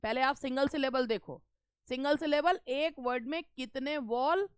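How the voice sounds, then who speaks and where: A woman teaching an English grammar lesson for exam preparation, reading rules out slowly and then explaining them in Hindi. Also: high voice, clean tone, no room sound.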